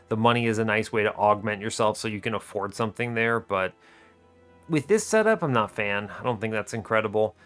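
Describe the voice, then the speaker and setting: Talking through his strategy as he plays, this gaming video series host keeps his commentary casual and chatty. He has a medium-pitched voice with a fairly bright tone.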